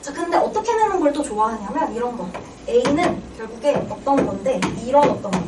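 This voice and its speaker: High-pitched and brisk, with lively intonation, this young woman is a Korean reading tutor delivering an exam-prep lecture. She quizzes her students and supplies the answers herself, recorded on a distant, roomy mic with obvious background noise.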